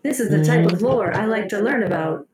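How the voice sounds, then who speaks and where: A woman playing in a livestreamed tabletop game, answering in a polite, measured way. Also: mid-range voice, expressive, darkish tone. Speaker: player. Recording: echoey room with music.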